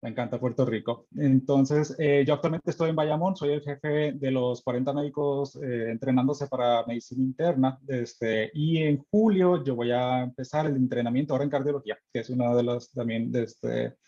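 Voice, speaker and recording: A man with a Mexican accent, an internist presenting in a friendly, relaxed way with many fillers. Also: medium pitch, normal speed, few pauses. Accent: Mexican Spanish. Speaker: internist and guest speaker. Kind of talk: online medical presentation. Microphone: video call. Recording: muffled video-call audio.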